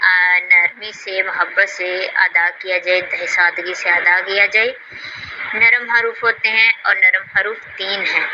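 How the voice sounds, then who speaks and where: A woman's voice: mid-range voice, muffled recording, background noise. A young woman, patiently teaching Quran reading and stretching out each letter name with care. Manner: drawn-out, carefully enunciated letter names.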